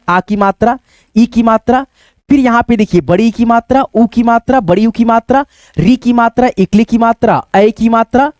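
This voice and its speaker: A man's voice: extremely high pitch, a little mellow, no echo. Patient teacher man, dry close sound. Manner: patient, repeats and counts aloud, addresses viewers as friends. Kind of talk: board lesson for beginners.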